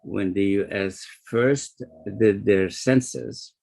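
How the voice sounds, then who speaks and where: A man's voice: fairly low pitch, slow pace, gravelly, darkish tone. An older man from Lebanon, a guest psychologist telling his story unhurriedly, with fillers and restarts. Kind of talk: interview storytelling.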